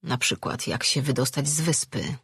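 Husky-voiced audiobook narrator. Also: medium pitch, normal speed, no echo, clean studio sound. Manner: steady storytelling.

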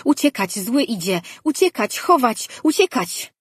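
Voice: mid-range voice, big pitch swings, measured pace, a bit bright, husky, no room sound, clean studio sound, voice pushed up, heavily acted. A narrator voicing a small frightened talking pet creature that speaks in short broken words. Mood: panicked.

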